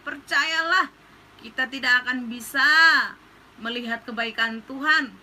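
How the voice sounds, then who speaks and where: A woman's voice: sits high, pushed and bright, rough recording. A woman pastor giving an earnest, casual counseling talk that slips into slang.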